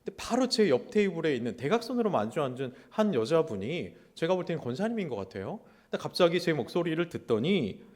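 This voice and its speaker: Animated, loud-voiced male pastor preaching. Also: on the high side, fast talker, few pauses. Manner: animated, acts out God's and people's words in quotes. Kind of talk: sermon. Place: church sanctuary.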